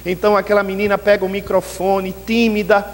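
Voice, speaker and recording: High-voiced Brazilian preacher in a reverberant church. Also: male voice, a little fast. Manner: lively storytelling, often addresses the listeners as brethren. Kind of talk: storytelling sermon. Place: church sanctuary.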